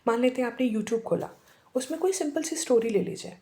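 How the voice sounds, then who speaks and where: Woman, English teacher, slightly high voice, casual lesson, English words mixed in. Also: brisk, dark tone. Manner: mixes English words into the talk, demonstrates accents.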